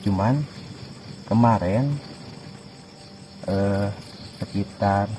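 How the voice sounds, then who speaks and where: A man's voice: on the low side, fairly even intonation, extremely slow, dark tone. A local man being interviewed outdoors at night, recounting casually in a hesitant, repetitive way. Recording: clear insect noise, outdoors at night.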